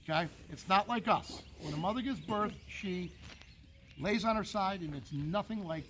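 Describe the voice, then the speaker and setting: A man's voice: sits high, moderate pace, fairly bright tone, a little hiss or hum. A man training dogs, explaining behavior to an owner in a folksy way, using homely analogies and checking in with "okay?". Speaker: dog trainer. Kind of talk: casual instruction to a dog owner.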